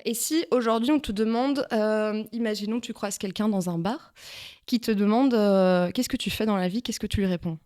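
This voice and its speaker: A woman hosting a podcast and interviewing a guest, with an enthusiastic, lively manner. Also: mid-range voice, moderate pace. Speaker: podcast host.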